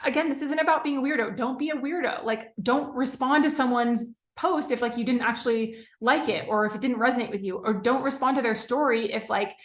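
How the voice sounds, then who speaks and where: This is a young woman, a business coach, talking casually on a live stream. Her voice sits fairly high, and she fills her points with "like", "okay?" and "right?". The sound is roomy, with a clear echo around her. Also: brisk, hardly any pauses. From California. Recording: echoey room.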